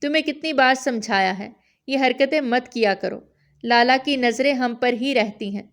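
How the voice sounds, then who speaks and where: A woman's voice: on the high side, close to an everyday voice. Woman doing a sensible, impatient bookish girl, chiding tone, audiobook read. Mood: annoyed.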